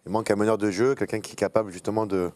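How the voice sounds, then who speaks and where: A man's voice: fairly low pitch, level tone, very fast, a little mellow, no echo. A man in his forties, a pundit in a TV studio, giving blunt, critical match analysis.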